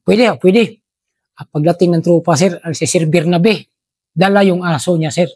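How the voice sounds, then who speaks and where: A man's voice: high voice, normal speed, a little mellow, slightly rough, no room sound. A man tells a war story to an interviewer, calling the listener sir after nearly every phrase and acting out the dialogue. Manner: acts out quoted dialogue in his telling. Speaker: former soldier telling a war story.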